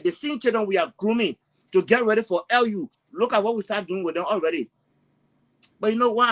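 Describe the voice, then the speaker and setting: Male panelist, higher voice, emphatic and repetitive. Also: a bit bright. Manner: emphatic, repeats words while searching. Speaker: panelist, college teacher. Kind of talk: passionate panel commentary.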